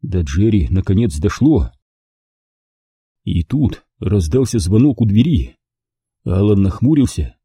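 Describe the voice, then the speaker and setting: A man narrating an audiobook with a measured storytelling delivery. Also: lowish voice, big pitch swings, dark tone, husky, dry recording, clean studio sound. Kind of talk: scripted narration.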